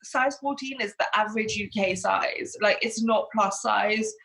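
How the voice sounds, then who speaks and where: A body confidence coach who grew up in Hong Kong talks chattily as a guest in a casual interview, using plenty of fillers. Her mid-range voice is unhurried, creaky and a bit bright.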